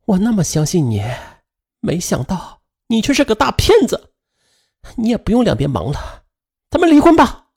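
A man's voice: high-pitched, huge pitch swings, normal speed, vocal fry, pauses often, a little mellow, slightly rough, pitched above the performer's own voice, heavily acted. A man voicing a furious adult wife who has caught her husband lying, scornful and accusing, in a dramatized radio story. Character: shrill furious betrayed wife, adult woman.

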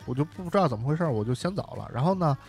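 Fast-talking man telling a story. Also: fairly high pitch, husky, soft background music. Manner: animated, chatty, many fillers and tag questions. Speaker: podcast co-host. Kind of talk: casual storytelling chat.

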